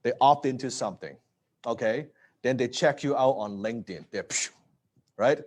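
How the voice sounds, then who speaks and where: A man in his late thirties giving an energetic live business talk, repeating words and often asking "right?". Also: mid-range voice, moderate pace. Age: 30s. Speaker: presenter.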